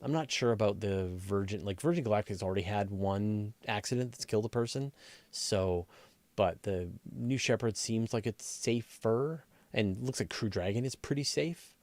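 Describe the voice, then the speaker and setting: Lowish and a little mellow, this man's voice moves at normal speed with no room sound. He is a science journalist hosting an informal live astronomy Q&A, reading questions aloud and improvising answers, thinking aloud and rephrasing as he explains in a conversational way.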